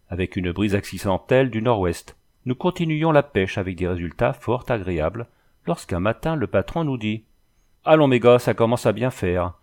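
A man reading a classic novel aloud as scripted narration, in a measured, even storytelling delivery. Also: lowish voice. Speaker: audiobook reader.

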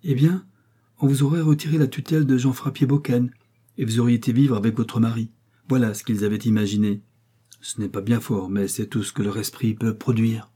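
A man's voice: medium pitch, fairly even intonation, a little fast, warm tone, slightly rough, natural voice. A man reading aloud, voicing a humble, loyal young miller's helper in a storybook. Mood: explaining. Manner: humble, earnest.

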